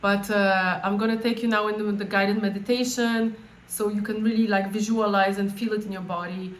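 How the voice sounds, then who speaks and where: A woman coach leading an informal guided meditation, speaking off the cuff in a halting way and often rephrasing herself. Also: medium pitch, fairly even intonation. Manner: halting, spontaneous, with repeated words and rephrasing. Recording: echoey room with faint background noise.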